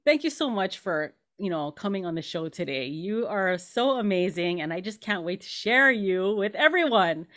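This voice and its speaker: Woman talk show host, mid pitch; gushing, laughs often. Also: expressive, moderate pace, few pauses. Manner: warm, effusive, laughs often.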